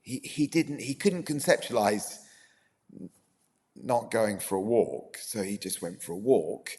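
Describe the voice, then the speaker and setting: A man's voice: fairly low pitch, a little slow, breathy edge, big-room sound. A man speaking as a podcast guest, talking earnestly and with energy, often restarting his sentences. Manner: earnest, animated, many restarts. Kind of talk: casual conversation.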